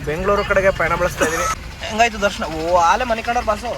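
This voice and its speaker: A young man vlogging casually outdoors, teasing his friends in quick banter. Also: high-pitched. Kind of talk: casual travel vlog chat. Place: outdoors at a busy temple area and parking lot. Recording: busy crowd and street noise.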